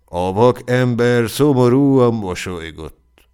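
A man narrating a classic short story for an audiobook, in a measured storytelling manner. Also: medium pitch, animated, mellow, clear, resonant tone. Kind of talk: scripted narration.

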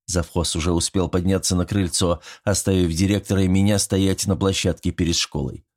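A man narrating a first-person audiobook in a lively, expressive way. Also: low-pitched, fairly quick.

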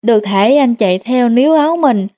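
Woman narrating a story, fairly high voice. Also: expressive, a little fast, warm tone.

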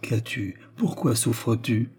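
A man's voice: mid-range voice, slow pace, darkish tone, slight background noise, natural voice. A man reading an audiobook, voicing a tender but impetuous woman who protects her younger sister. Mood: tender worried. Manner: tender, then fiercely protective. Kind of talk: audiobook character voice.

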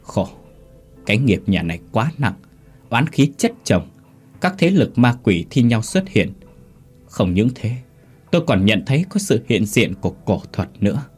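A man's voice: fairly low pitch, sing-song, a little slow, darkish tone, breathy edge, faint music behind, heavily acted. A man playing a grave old exorcist. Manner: grave, solemn pronouncements. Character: stern old male exorcist master.

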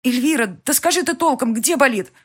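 A woman's voice: a little high, big pitch swings, normal speed, slightly rough, pitched above the performer's own voice, exaggerated voice. Woman reader doing a panicked young woman. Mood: urgent. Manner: urgent, pleading. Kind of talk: audiobook reading.

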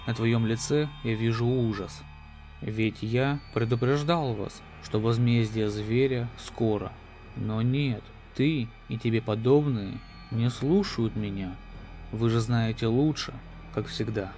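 A man voicing a gloating, menacing alien beast in a human body, slow, ominous and taunting, in a sci-fi horror audio drama. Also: mid-range voice, warm tone, faint music behind, lightly acted. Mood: gloating menace.

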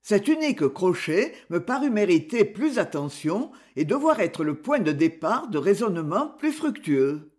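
Reader doing a self-assured gentleman sleuth laying out his case, lively up-and-down delivery, audiobook. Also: medium pitch. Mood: explaining. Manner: measured, explanatory storytelling. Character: confident gentleman detective, young adult man. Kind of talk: audiobook character reading.

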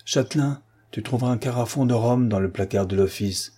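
A man's voice: mid-range voice, fairly quick, mellow, breathy edge, close to an everyday voice. A man voicing a jovial army captain who gives orders to his wounded soldiers, by turns commanding and affectionate. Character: hearty male army captain, convalescent officer.

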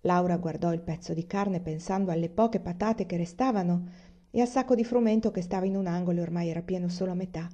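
A woman reads a novel aloud in a measured, even way. Her voice is warm and mellow, at a middle pitch. The recording is slightly muffled. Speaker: reader.

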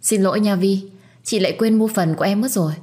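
A woman voicing a sweet-talking, smug young woman who flatters in a honeyed tone. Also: medium pitch, fast talker, voice pushed up, close to an everyday voice. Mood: sugary.

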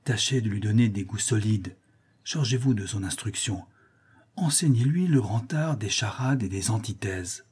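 A man's voice: fairly high pitch, expressive, moderate pace, warm tone, breathy edge. A man voicing a vain, pompous older count who admires his own verses. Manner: pompous, self-admiring, emphatic.

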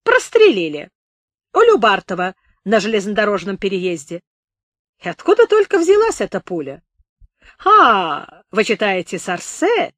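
A woman's voice: medium pitch, a bit bright, dry recording, clean studio sound, full character voice. A woman voicing a voluble, theatrical male officer who declaims with pathos in an audiobook. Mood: chatty. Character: voluble, bombastic middle-aged male officer.

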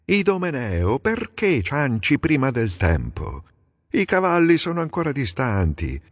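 A man's voice: mid-range voice, huge pitch swings, a little slow, dry recording, clean studio sound, pitched above the performer's own voice. A man voicing a rude warrior who sneers and mocks, in a dramatic audiobook reading. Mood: mocking. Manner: sneering, insulting.

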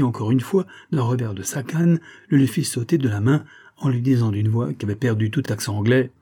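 A man reading a classic novel aloud as an audiobook, in steady, measured narration. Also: medium pitch, slightly rough. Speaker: audiobook reader. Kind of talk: scripted narration.

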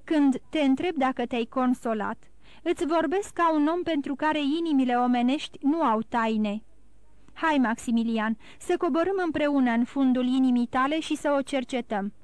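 A woman reading an audiobook, voicing a grave, wise older count who speaks slowly and solemnly. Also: sits high, a little mellow, clear, resonant tone, no echo, close to an everyday voice. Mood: solemn counsel. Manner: slow, solemn, counseling.

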